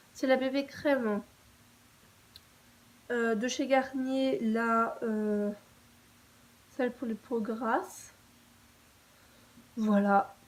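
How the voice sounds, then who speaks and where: A woman's voice: fairly high pitch, low-quality recording. A young woman talking casually to camera, reviewing her favourite makeup products in a chatty, enthusiastic way with frequent fillers and restarts. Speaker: beauty vlogger.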